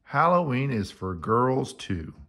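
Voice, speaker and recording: A man reading aloud as Boris, a bossy male friend who shouts and roars. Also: medium pitch, big pitch swings, slow pace, voice pushed up, full character voice. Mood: explaining. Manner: loud, shouting.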